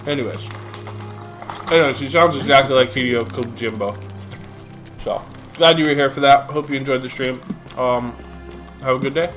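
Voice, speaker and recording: Young dude streaming, rambles and swears a lot, game music going behind him. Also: male voice, mid-range voice, moderate pace, long pauses, fairly bright tone. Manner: rambling, profane, many fillers. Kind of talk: casual live-stream commentary.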